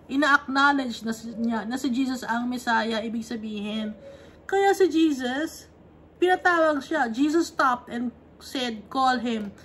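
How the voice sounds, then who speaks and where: A woman's voice: a little high, measured pace, fairly bright tone, slight background noise. A woman leading a conversational Bible study, reading verses and explaining them, often checking in with her listeners. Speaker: Bible teacher.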